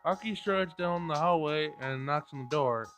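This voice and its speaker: A gameplay streamer reads visual novel narration aloud while playing, occasionally tripping over words, with game music behind him. His voice is fairly high and fairly bright, at a normal speed.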